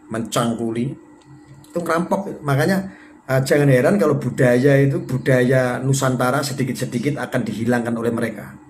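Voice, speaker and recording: A man talks through a loose live stream in a mid-range voice. He teases his viewers with sarcastic, mock-proud asides, and his pitch and loudness swing up and down. A faint hiss of noise sits under his voice. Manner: sarcastic and mock-boastful, with sudden jumps in pitch and volume. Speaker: live-stream host reading viewer comments. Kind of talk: rambling casual live-stream monologue.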